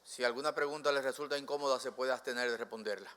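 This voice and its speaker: A man's voice: medium pitch, fast talker, a bit bright. A man chairing a formal panel, giving instructions in a formal tone. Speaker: panel president. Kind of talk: formal procedural announcement.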